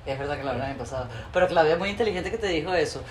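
A woman interviewer host chats casually, effusive and opinionated, in long flowing sentences. Her deep voice is animated and rapid-fire. The room is echoey with faint ambient noise.

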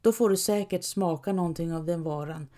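A short-tempered robber chief barks orders at his gang, loud and scolding, played by a woman reading an audiobook. He has a gruff, bossy manner. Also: lowish voice, lightly acted. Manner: barking, scolding.

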